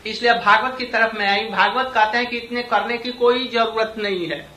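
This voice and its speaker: A man's voice: high voice, steady tone, moderate pace, bright, forceful tone. A male preacher giving a devotional discourse, telling stories and asking the audience rhetorical questions. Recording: echoey room, distant mic, faint ambience.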